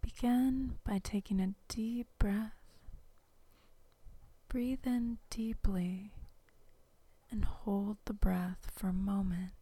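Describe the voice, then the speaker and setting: A woman speaks entirely in a soft, unvoiced whisper, leading a guided relaxation with calm, drawn-out instructions. Her delivery is very slow, with a dark, mellow tone and a breathy, husky grain. She is recorded close to the mic in a dry space with no room sound. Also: mid-range voice, dry recording.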